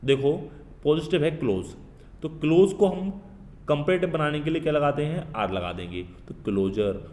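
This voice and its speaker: Indian teacher in an echoey room. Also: male voice, a little high, expressive, a little mellow. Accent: Indian English. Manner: explains slowly, reads English rules aloud word by word; addresses pupils as children, fatherly. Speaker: school teacher. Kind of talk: recorded grammar lesson. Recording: echoey room with long reverb.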